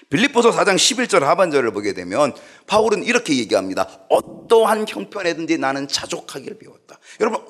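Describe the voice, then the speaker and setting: A middle-aged male pastor preaching a sermon in an animated way, asking the congregation questions. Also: a little high.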